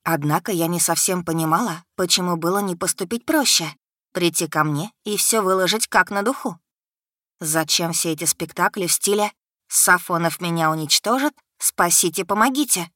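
A woman reads a first-person novel aloud in a measured, expressive way. Her voice is low-pitched but bright and forceful. The recording is dry and close, with no room sound. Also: dry recording. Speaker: audiobook narrator. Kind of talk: first-person audiobook narration.

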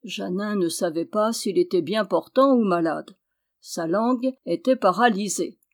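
A woman reading a historical novel aloud as a volunteer audiobook narrator, with steady, expressive storytelling. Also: mid-range voice, unhurried. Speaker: audiobook reader. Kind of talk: literary narration.

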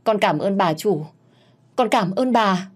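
A woman voicing a crying young maidservant who pleads and apologizes in a husky, raised voice. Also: medium pitch, animated, takes it slowly, voice pushed up. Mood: tearful pleading.

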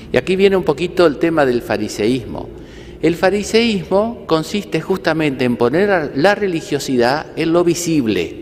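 Priest preaching in a reverberant church. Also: male voice, mid-range voice. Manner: conversational, with asides and rhetorical questions; gently humorous. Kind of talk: homily.

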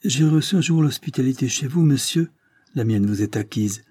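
A man reading an audiobook and voicing a stern, grieving aristocratic mother, with formal, measured speech. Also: warm tone, slightly rough, natural voice. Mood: cool. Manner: formal, measured, voice raised higher for her.

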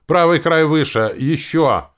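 A man's voice: on the low side, very animated, moderate pace, pitched above the performer's own voice. A man voicing a bossy, grumbling male zombie quartermaster who wheezes and barks orders in an audiobook. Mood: bellowing. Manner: gruff, wheezing, shouting orders. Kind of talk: audiobook character voice.

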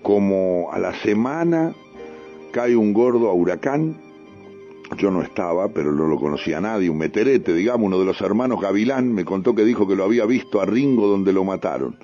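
A man's voice: low voice, animated, a little fast, warm tone. A middle-aged man with a Rioplatense accent telling a rambling, streetwise story and acting out the dialogue himself. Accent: Rioplatense Spanish. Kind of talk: spoken storytelling monologue. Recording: dull lo-fi recording with faint music.

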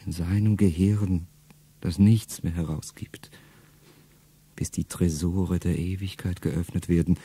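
The voice is dark-toned and husky: a middle-aged man delivering a first-person radio play monologue. He keeps it low and intimate, often fading into a whisper.

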